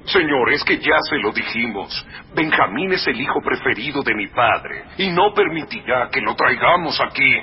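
An actor playing an earnest, protective, blunt brother in a Spanish biblical drama. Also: male voice, medium pitch, animated, normal speed, breathy edge, dull audio. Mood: pleading. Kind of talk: Spanish-language dubbed biblical drama acting.

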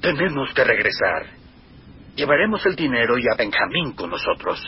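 An actor playing a grave, sensible brother in a Spanish biblical drama, speaking with emphasis. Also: male voice, medium pitch, sing-song, normal speed, breathy edge, muffled recording. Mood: urgent. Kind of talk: Spanish-language dubbed biblical drama acting.

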